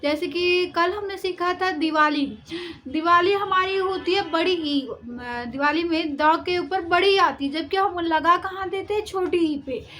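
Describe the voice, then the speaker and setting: High-voiced woman teaching Hindi spelling. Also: a bit bright, rough recording. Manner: slow, careful syllable-by-syllable pronunciation drills. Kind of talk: spelling lesson.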